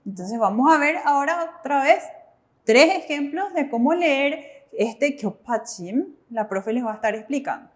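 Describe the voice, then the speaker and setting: A woman's voice: sits high, expressive, measured pace. A woman teaching Korean, posing questions to the class and answering them herself. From Paraguay. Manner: clear, asks and answers her own questions. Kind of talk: classroom explanation.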